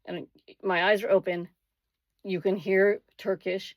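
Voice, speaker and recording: A woman's voice: medium pitch, flat delivery, unhurried, no echo. A woman vlogger telling a personal story casually, with dramatic, emphatic turns.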